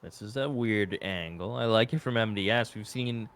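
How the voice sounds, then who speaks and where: A man giving live esports commentary in an excitable, conversational, incredulous way. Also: lowish voice, normal speed, a little hiss or hum.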